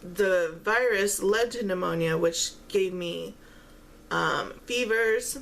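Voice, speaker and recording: A woman chatting casually while eating, chewing as she talks and pausing often between phrases. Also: medium pitch, gravelly, a bit bright, slight background noise. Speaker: vlogger eating on camera while talking. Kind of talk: casual mukbang-style chat.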